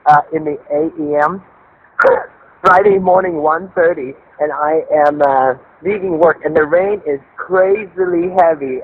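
A man calls his own voicemail from his car, and his rambling podcast chatter comes through a clipped, muffled phone line. His voice sits a little high for a man, full of restarts and filler sounds. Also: husky. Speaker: podcast host. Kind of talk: casual solo monologue. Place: inside a car in heavy rain. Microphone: phone call to voicemail.

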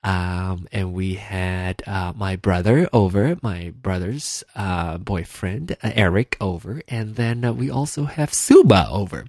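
A man's voice: low voice, measured pace, few pauses, darkish tone, dry recording, clean studio sound. A Malaysian-born man in his thirties hosting a casual solo podcast, rambling and correcting himself with many fillers. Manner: rambling, self-correcting, chatty with frequent fillers. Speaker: podcast host. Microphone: in-ear headphones with a desk mic.

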